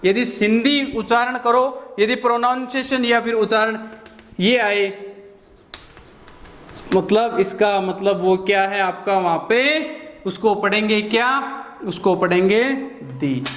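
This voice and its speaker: A man teaching an exam-prep class, asking his students questions and answering them himself with drawn-out repetition. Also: high voice, fairly bright tone, echoey room, slight background noise.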